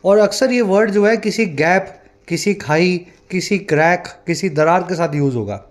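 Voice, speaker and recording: A man with a fairly high voice teaches English vocabulary, switching between Hindi explanation and slow, carefully read English example sentences. He checks in with the listener often and breaks each word down step by step. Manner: asks the viewer often whether they follow. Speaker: English tutor.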